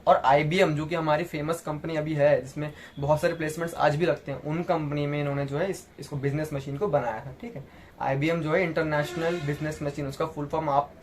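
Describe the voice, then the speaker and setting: A man's voice: on the high side, slight background noise. A man teaching a casual computer basics class, chatty, often checking in with the listener and restarting his words. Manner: chatty, repeats "theek hai" and "dekhiye", frequent restarts. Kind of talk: casual Hindi tutorial lecture.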